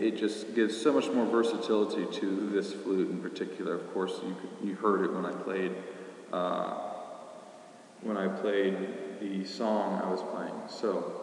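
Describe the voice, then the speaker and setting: A man casually teaching flute, his voice ringing with a cave-like echo in an indoor racquetball court, picked up by a computer mic from a distance. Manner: easygoing, explanatory. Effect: booming cave-like echo. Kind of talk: casual instrument tutorial. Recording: echoey court reverb from far off.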